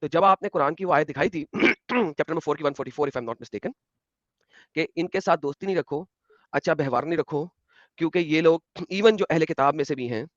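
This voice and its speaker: A man in an online debate explaining points briskly with references. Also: a little high, no echo, lo-fi sound. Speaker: debate participant.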